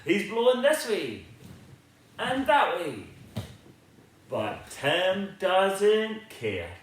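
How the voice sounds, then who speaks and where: Reading a children's picture book, a man uses a high voice whose pitch swoops wildly. He goes slowly and theatrically with an inviting sing-song lilt, in an animated read-aloud within a very echoey, reverberant room.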